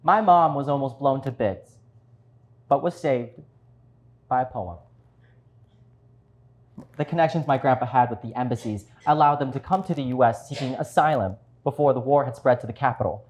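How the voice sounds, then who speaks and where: A man playing both parts in a one-man show, earnestly and deliberately narrating a refugee family's story on stage. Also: mid-range voice, darkish tone, natural voice. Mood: earnest, reflective. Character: grown child earnestly recounting a refugee mother's childhood.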